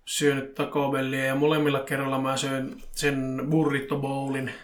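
A man's voice: mid-range voice, completely flat delivery. A man co-hosting a casual podcast, chatting and reading listener emails aloud with a dry, teasing manner. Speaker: podcast co-host. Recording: roomy echo.

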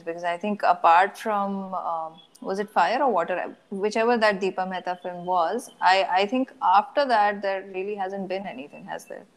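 A woman with an Indian accent chatting casually and reflectively as a co-host in a film discussion. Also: medium pitch. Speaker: podcast co-host discussing films.

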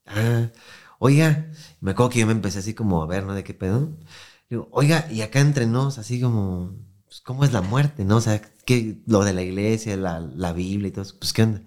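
A man's voice: fairly low pitch, a little fast, darkish tone. A young Mexican man hosting a podcast, telling a story in slangy casual chat and acting out the voices he quotes. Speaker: podcast host.

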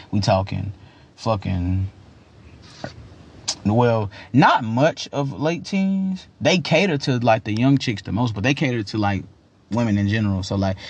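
A young man with a gravelly voice giving a casual, opinionated rant in a slangy, rambling, emphatic way, repeating his phrases. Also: medium pitch, a little mellow. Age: young adult. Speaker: commentator giving personal opinions.

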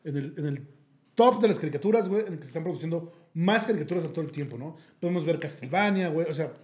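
A man's voice: on the high side, lively intonation, fast, a little mellow. A man with a Mexican Spanish accent co-hosting a podcast, rambling casually with slang and repeated words. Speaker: podcast co-host. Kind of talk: casual chat.

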